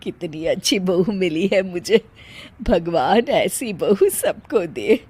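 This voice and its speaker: A woman voicing a middle-aged mother-in-law in a cartoon, fond of her daughter-in-law but quick to scold her. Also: on the low side, lively intonation, darkish tone, slightly rough, heavily acted. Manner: scolding, exasperated.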